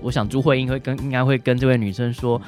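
His voice is mid-range, darkish, and steady, and he moves at a quick clip. He's a guest doctor with a Taiwanese Mandarin accent answering questions informally, frequently closing phrases with trailing particles and acting out brief examples, all over background music.

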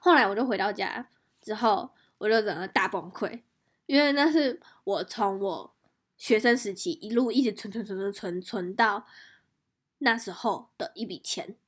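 A woman hosting a podcast, telling a personal story in a lively, animated way with quick restarts. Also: mid-range voice, slightly rough. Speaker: podcast host. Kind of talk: casual podcast chat.

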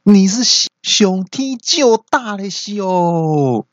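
A furious middle-aged wife scolds in a shrill, drawn-out voice, as a male podcaster puts her on. The podcast recording is dull and dry. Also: lively intonation, no echo. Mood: scolding.

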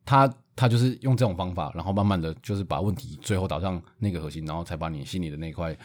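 A man telling a story in a casual podcast chat, animated and quick to laugh. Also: deep voice. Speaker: podcast co-host.

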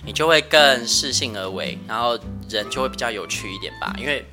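A male podcast host with a soft, thin voice, chatting casually and laughing often with light self-mockery. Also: mid-range voice, animated, fairly quick, over music. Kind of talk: casual family chat.

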